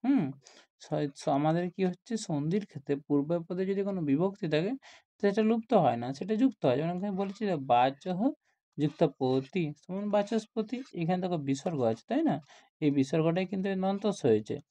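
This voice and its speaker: A man's voice: high voice, animated, fast, mellow. A man teaching a grammar lesson to school students, explaining step by step and often asking questions like "isn't it?".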